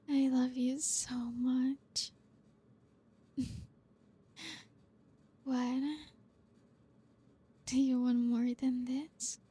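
Woman whispering super slow and breathy, giggly, soft girlfriend roleplay vibe. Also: high voice. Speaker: roleplay performer speaking as a girlfriend. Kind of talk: whispered intimate audio roleplay.

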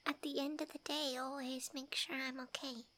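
A woman in a romance roleplay, talking softly in a shy, gentle, affectionate way and often dropping to a whisper. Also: high voice, level tone, moderate pace.

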